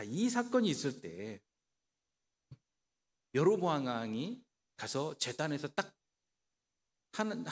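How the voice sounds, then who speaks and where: Male pastor, sermon, rhetorical questions, lively up-and-down delivery, fairly high voice, long church reverb. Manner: rhetorical questions to the congregation, acts out quoted voices. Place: church sanctuary.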